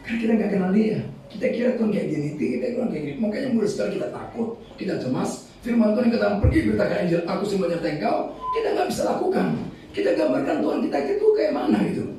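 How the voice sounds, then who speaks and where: Brief: middle-aged Batak pastor from Medan, animated high voice, mellow tone, joking sermon in a big echoey church heard from afar. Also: male voice, very fast, slight background noise. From Medan, North Sumatra. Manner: humorous storytelling, laughing, addresses congregation as "saudara". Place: large church hall. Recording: echoey church hall, from far off.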